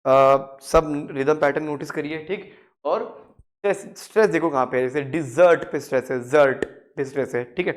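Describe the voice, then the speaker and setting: Indian man drilling pronunciation, slightly high. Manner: repeats words in drills, slows down sharply for English phrases. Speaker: English pronunciation teacher. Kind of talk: casual spoken lesson.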